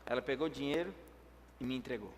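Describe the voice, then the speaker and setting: A preacher telling a personal story in a sermon. He acts out his own words, picking up in the action and dropping low in prayer. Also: fast, a little hiss or hum. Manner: lively when telling the action, hushed in prayer. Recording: echoey hall reverb.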